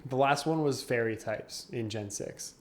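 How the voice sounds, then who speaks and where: Speaking at a measured pace with a medium-pitched voice, this young male podcast co-host keeps things casual, laughing a lot as he walks through the rules of a game.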